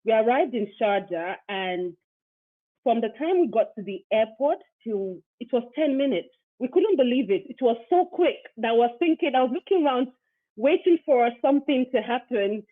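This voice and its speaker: A woman's voice: on the high side, animated, moderate pace. Chatty woman host over a tinny line. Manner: chatty, warm storytelling with laughs. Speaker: podcast host. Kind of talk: casual chat.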